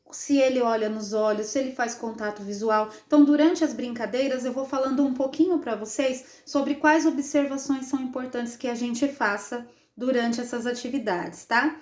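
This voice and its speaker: High-voiced Brazilian woman in a roomy space. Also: darkish tone. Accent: Brazilian Portuguese. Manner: explanatory, frequent tag questions. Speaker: child development specialist. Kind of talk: instructional demonstration. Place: indoor room, playing with a baby. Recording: roomy echo.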